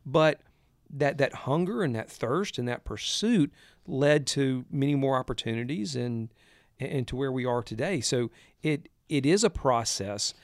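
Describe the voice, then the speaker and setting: A man in ministry, talking earnestly and reflectively in a casual conversation, telling his own story of a calling with lively retellings. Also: mid-range voice, measured pace, dry recording, clean studio sound. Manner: earnest storytelling, animated when recalling. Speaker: podcast co-host, minister.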